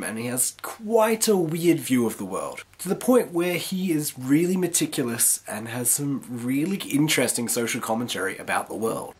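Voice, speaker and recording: A woman reviewing anime to camera with a raspy, rough voice, hoarse from the flu. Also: rumbling low. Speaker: anime reviewer, video host. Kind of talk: review to camera, semi-scripted.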